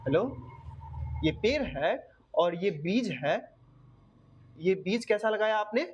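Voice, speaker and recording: A woman's voice: medium pitch, animated, slow pace, darkish tone, muffled recording, slight background noise. Woman coach teaching listeners, keeps asking then answering her own questions. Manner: asks listeners questions and answers them herself; calls listeners "dear my champion". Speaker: motivational coach. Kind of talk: motivational lesson.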